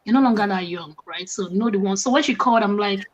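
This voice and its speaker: A woman's voice: medium pitch, fast talker, dull audio. A young woman from Africa, a coach, telling stories animatedly in casual conversation and acting out both sides of the exchanges. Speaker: guest coach.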